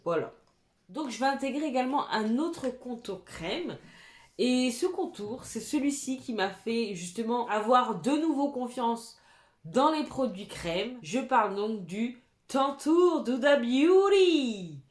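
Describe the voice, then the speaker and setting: A woman's voice: on the high side, expressive, slow. A young woman talking casually and enthusiastically to her viewers about her makeup, often saying "voilà". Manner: chatty, enthusiastic, fills with "voilà". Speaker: beauty youtuber. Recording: echoey room.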